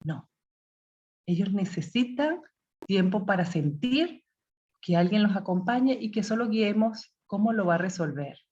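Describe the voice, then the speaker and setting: A woman giving a calm, advising talk to parents, sometimes acting out what a parent might say to a teenager. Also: mid-range voice, unhurried. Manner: calm, advising, acts out parent-child dialogue. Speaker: parenting speaker. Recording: dull lo-fi audio.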